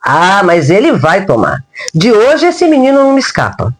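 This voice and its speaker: A woman's voice: mid-range voice, wildly swooping pitch, normal speed. A woman voicing a fiery older woman with a rural Brazilian accent who scolds in folksy speech. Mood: scolding.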